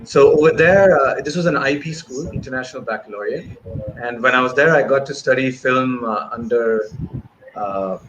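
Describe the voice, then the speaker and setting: On a remote video call from an indoor room, a guest filmmaker in his thirties talks conversationally about how his career unfolded. He grew up in Bahrain and Malaysia, speaks in a mid-range voice at normal speed, and his wired earphones produce noisy call audio.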